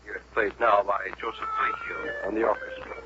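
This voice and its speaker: A man's voice: fairly low pitch, flat delivery, moderate pace, highs cut off, music in the background. An American man announcing a news bulletin in a formal, emphatic old newsreel manner on a scratchy 1940s radio broadcast.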